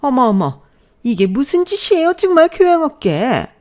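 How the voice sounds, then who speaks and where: A woman's voice: high-pitched, sing-song, moderate pace, a little mellow, voice pushed up. A woman voicing a snobbish older mother-in-law who talks in a haughty, shrieking way. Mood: shrill.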